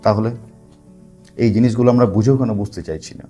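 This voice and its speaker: A man's voice: on the low side, steady tone, fast talker, warm tone, husky, soft background music. A man giving a spoken commentary to camera, emphatic, with rhetorical questions, repeated phrases and English words mixed in. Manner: mixes English words into speech. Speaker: spiritual talk host.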